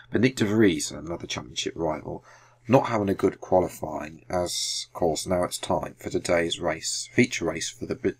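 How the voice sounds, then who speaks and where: Sniffling from hay fever, a gaming video host chats casually over racing-game footage in a low, husky voice. He rambles, apologizes and keeps correcting himself.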